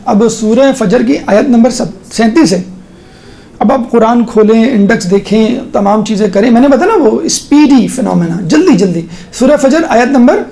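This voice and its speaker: A religious teacher explains things in a relaxed online lesson, in a voice with a noticeable creaky fry. The pitch sits in the middle range. The teacher often checks in with the listeners and slows into measured phrasing for recited verses. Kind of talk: casual online lesson with a screen walkthrough.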